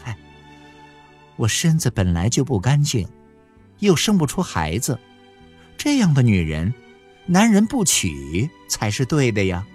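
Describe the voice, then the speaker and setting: A man reading a novel aloud and voicing a quiet, resigned wife who answers calmly and briefly. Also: mid-range voice, a little slow, pauses often, slightly rough, soft background music, heavily acted.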